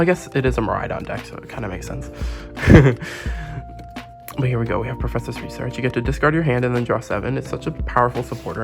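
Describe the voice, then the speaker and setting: Sick and hoarse, this man from Canada has a rough, gravelly, medium-pitched voice as he unboxes and reviews a deck for his trading card YouTube channel. He chats casually, enthuses about the packaging, and works through the cards with music playing plainly in the background.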